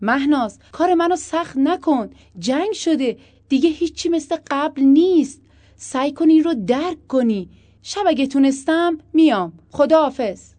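A woman's voice: high voice, lively intonation, warm tone, no room sound, pitched above the performer's own voice. A woman voicing a tense, impatient male air force pilot, speaking urgently and insistently.

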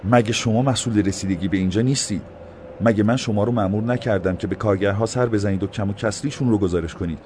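A man's voice: lowish voice, a little mellow, slight background noise, voice pushed up, natural voice. A man voicing a stern male mayor who scolds his staff. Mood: reproachful. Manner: stern, reproachful.

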